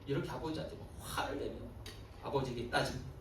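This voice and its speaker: A male pastor preaching a sermon, telling a story dramatically and swinging from soft, hushed lows to emphatic peaks, recorded at a service in a large church hall. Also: steady tone, fast, recorded from a distance, slight background noise. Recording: echoey hall, voice from afar.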